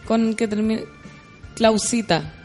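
A woman's voice: a little high, slow, a little mellow, soft background music. A Chilean woman hosting a radio show, chatting playfully and explaining things at length. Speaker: radio host. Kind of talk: casual radio chat.

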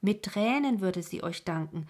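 A woman's voice: mid-range voice, normal speed. A woman reading a kind, persuasive colonel's wife. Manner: calm, soothing persuasion.

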